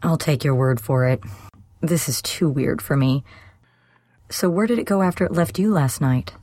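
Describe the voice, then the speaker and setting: A man's voice: on the high side, moderate pace, a little mellow, dry recording, studio quality, voice pushed up, close to an everyday voice. A man doing a fierce protective young woman. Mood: skeptical. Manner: fierce, insistent.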